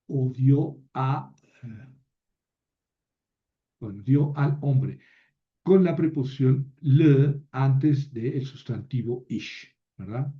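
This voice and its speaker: A man teaching a grammar lecture slowly and step by step, often pausing on "eh" and checking in with "¿verdad?". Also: mid-range voice. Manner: slow and explanatory, with frequent "eh" and "¿verdad?". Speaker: Biblical Hebrew teacher. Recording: dull lo-fi recording.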